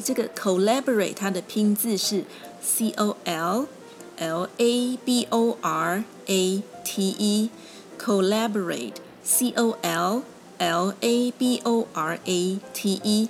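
A woman teacher walks through vocabulary with patient, deliberate repetition, spelling each word out letter by letter. Her voice sits at a middling pitch, and soft music plays faintly behind her. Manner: patient, repeats words slowly and spells them letter by letter. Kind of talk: vocabulary lesson, spelling words aloud.

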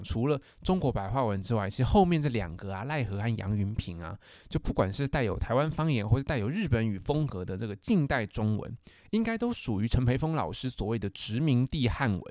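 A man's voice: on the low side, darkish tone, no room sound, studio quality. A man with a Taiwanese Mandarin accent co-hosting a casual literary discussion, explaining things with teasing asides and sentence-final particles. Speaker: podcast co-host.

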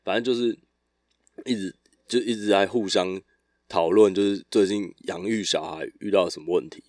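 A man, chatting alone on his podcast in a loose, meandering storytelling style. His voice sits very low and is recorded dry and close, with no room sound around it. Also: normal speed, dry recording. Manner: relaxed, rambling storytelling with restarts. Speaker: podcast host. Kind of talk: casual solo podcast chat.

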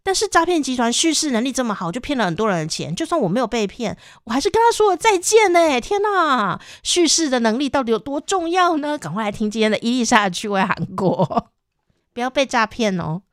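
A woman's voice: fairly high pitch, fairly quick, no room sound, studio quality. A young adult woman with a Taiwanese Mandarin accent, hosting a casual podcast and telling stories animatedly with frequent laughter. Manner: animated storyteller who laughs often. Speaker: podcast host.

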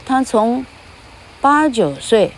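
A woman's voice: fairly high pitch, sing-song, takes it slowly, a little hiss or hum. An older woman, a retired English teacher giving a casual spoken monologue, speaking of herself in the third person and tagging her phrases with little "ha" sounds.

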